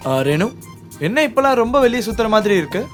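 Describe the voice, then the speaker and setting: A man's voice: sits high, very animated, fast talker. An actor playing a nosy young man who asks prying questions, in a drama with music underneath.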